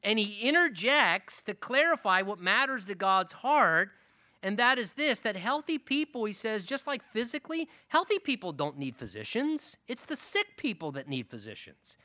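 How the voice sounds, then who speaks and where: A man preaching a sermon as pastor, emphatic and animated, building his points through long lists of phrases. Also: sits high, normal speed, no room sound.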